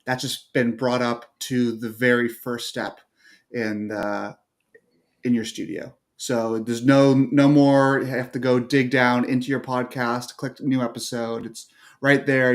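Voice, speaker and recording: A man co-hosting a casual livestream chat, walking through a product in a relaxed way with many fillers. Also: medium pitch. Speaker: co-host.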